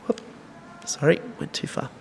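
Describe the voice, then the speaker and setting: A man's voice: moderate pace, a little mellow, slight background noise. A young man preaching a sermon in an earnest, conversational way, mixing scripture with stories.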